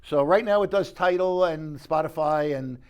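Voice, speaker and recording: Speaking at a moderate pace, this audio dealer has a fairly high, slightly mellow voice that sounds clear and resonant. He gives an informal product walkthrough in an audio show's exhibition suite, fixing his own wording along the way.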